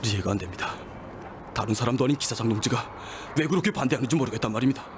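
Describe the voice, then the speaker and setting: An actor playing an earnest young engineer who argues insistently. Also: male voice, mid-range voice, rapid-fire, background noise, natural voice. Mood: frustrated. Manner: insistent, arguing.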